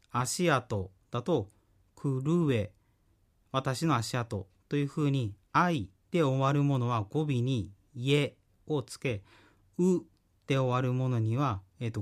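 Slow, careful male radio teacher. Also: mid-range voice. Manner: slow, careful explanation with frequent pauses. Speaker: language teacher. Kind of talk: radio language lesson. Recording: radio broadcast.

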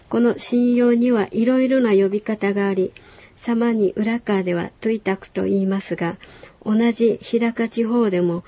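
A woman teaching a radio language lesson, calmly explaining words and stories. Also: medium pitch, dry recording, muffled recording. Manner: calm explanatory lecturing. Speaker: language instructor.

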